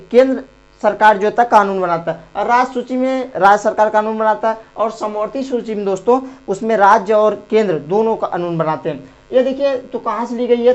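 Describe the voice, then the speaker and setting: A woman's voice: mid-range voice, a little mellow. A woman teaching an exam-prep lesson online. She repeats key points over and over and keeps calling her viewers friends as she walks through quiz questions. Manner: repetitive, drills points, often addresses viewers as friends. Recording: dull lo-fi recording.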